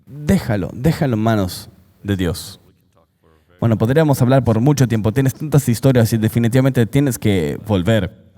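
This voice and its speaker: A man's voice: medium pitch, warm tone, long reverb tail. A man hosting an interview in an engaged, affirming way, dubbed into the language of the show. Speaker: interview host.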